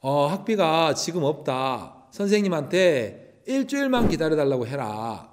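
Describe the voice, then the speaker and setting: A man voicing a tired, poor mother who speaks low and wearily. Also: big pitch swings, unhurried, slight background noise. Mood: weary.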